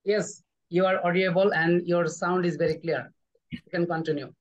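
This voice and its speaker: A man's voice: high voice, fairly even intonation, normal speed, rough recording. A man, a teacher hosting an online session, who speaks briefly and encouragingly while handing the floor to students. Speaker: English teacher and host.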